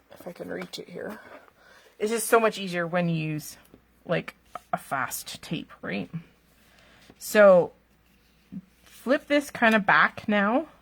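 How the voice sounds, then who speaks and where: A woman teaching card making during a live stream, chatty, laughing often and checking in with "okay?" after each step. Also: mid-range voice. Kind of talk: live-streamed craft demonstration.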